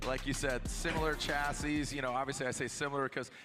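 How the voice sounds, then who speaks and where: A man's voice: medium pitch, steady tone, fast talker, over music. A man announcing live motorsport with emphatic, hype-heavy commentary. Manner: hype-heavy, emphatic phrasing with shout-outs.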